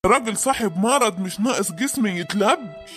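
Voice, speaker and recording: A man's voice: high-pitched, lively intonation, normal speed, fairly bright tone, soft background music. A man voicing a wary, haggling sheep seller in an Egyptian cartoon, with an Egyptian accent. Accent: Egyptian Arabic.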